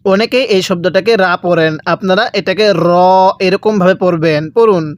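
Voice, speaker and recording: Clean studio sound with no echo captures a man's high voice moving fairly quickly. As a Quran reading teacher, he teaches Arabic letter pronunciation step by step, patiently repeating each one and asking the viewer to repeat it.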